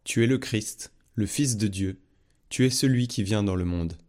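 A man's voice: lowish voice, normal speed, darkish tone, lightly acted. A man reading the words of Martha, a grieving faithful woman, in an earnest, plain way.

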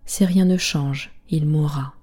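A woman voicing a gentle Christmas spirit in a hushed voice in a bedtime story. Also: low-pitched, takes it slowly, breathy edge, heavily acted. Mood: sorrowful. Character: spirit of Christmas present, warm then sorrowful.

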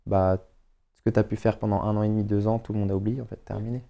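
A young man with a Paris suburbs accent, a footballer chatting as a podcast guest, slangy and animated as he acts out what people said. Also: lowish voice, fast, creaky. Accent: Parisian suburbs French. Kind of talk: casual storytelling chat.

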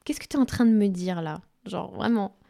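A woman speaking as her gentle coaxing soul. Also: medium pitch, normal speed, vocal fry. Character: a woman's own soul, kind and expansive.

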